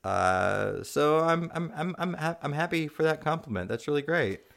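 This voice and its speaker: A man co-hosting a casual podcast, talking in an animated, self-deprecating way with frequent restarts. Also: fairly high pitch, moderate pace, vocal fry. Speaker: podcast co-host. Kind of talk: casual chat.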